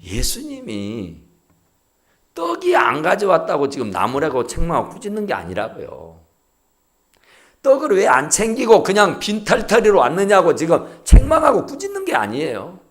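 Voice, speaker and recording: A male pastor preaches with wild swings in pitch. His voice sits high and keeps leaping around as he acts out the dialogue. He moves between shouts and near whispers. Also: wildly swooping pitch, normal speed. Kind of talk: sermon.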